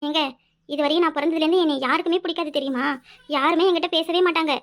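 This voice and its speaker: A tender, teasing young village wife speaks in a very high, sing-song voice, as a woman acts her out. She talks fast with a bright tone and a southern Tamil accent. She is a cartoon wife who is expecting a baby. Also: steady tone. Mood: tearful. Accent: southern Tamil (Tirunelveli). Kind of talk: cartoon voice acting.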